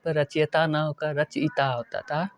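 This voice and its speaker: A male teacher giving a spelling lesson, working through words one by one and repeating each correct form slowly. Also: a little high, flat delivery. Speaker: Hindi grammar teacher. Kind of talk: exam-prep lesson.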